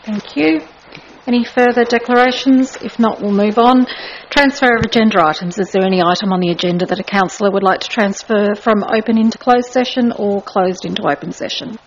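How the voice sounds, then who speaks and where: A woman runs a council meeting as mayor, moving briskly through procedure with a few light asides. The recording is dull and lo-fi. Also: mid-range voice, a little hiss or hum.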